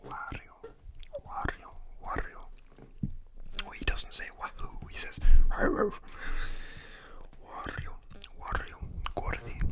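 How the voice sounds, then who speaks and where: A man's voice: very high voice, vocal fry. A young man whispering names over and over as ASMR trigger words, with casual joking asides, in a whispered role-play. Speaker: ASMR creator.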